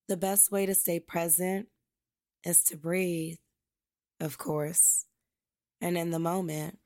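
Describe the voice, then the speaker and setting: Female meditation guide, lowish and very even in pitch, unhurried and deliberate, recorded close and dry. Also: no echo. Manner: slow, deliberate, measured phrasing. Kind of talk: guided meditation and reflective spoken narration.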